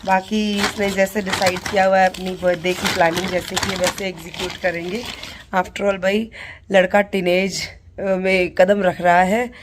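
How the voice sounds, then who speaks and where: A woman's voice: lowish voice, level tone, moderate pace, background noise. A woman filming a casual family vlog at home at night. She chats to her phone camera about her family, slips English phrases into her talk, and keeps her voice down to hide a surprise. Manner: chatty, mixes English phrases into Hindi; talks quietly to keep a surprise secret. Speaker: family vlogger and mother.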